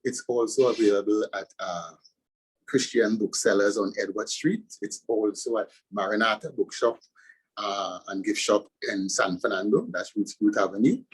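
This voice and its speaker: Husky Trinidadian pastor, earnest. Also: male voice, lowish voice, normal speed, poor audio. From Trinidad and Tobago. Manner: earnest, preacherly emphasis. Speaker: pastor and author. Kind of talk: interview answers.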